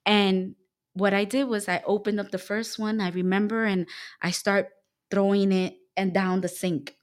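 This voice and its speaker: A woman from Puerto Rico giving an animated personal faith testimony as a guest, speaking from her home over a video call and acting out the words of people in her story. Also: medium pitch, moderate pace. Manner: animated, emphatic storytelling, acting out quoted speech. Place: her home, dining room.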